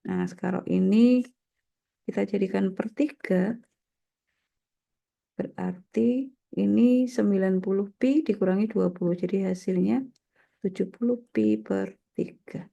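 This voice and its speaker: Warm but creaky, a medium-pitched woman's voice comes through lo-fi sound at a measured pace with many pauses. She is a university mathematics lecturer from Indonesia, nasal from a mild cold, walking through material step by step and often checking in with quick tags.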